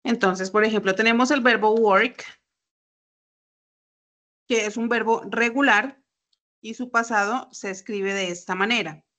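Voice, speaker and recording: A woman teaches over a video call, talking slowly and patiently. Her voice sits somewhat high, and she builds each point step by step with examples. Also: a bit bright. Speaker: English teacher. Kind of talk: online class explanation. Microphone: computer mic on a video call.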